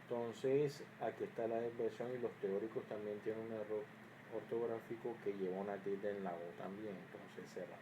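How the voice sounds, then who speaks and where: This screen-recorded lesson features an engineering teacher with a lowish, steady voice at normal speed, explaining electrical circuits one step at a time. He frequently restarts and uses fillers, now and then muttering to himself as he verifies his work, all over a noisy background.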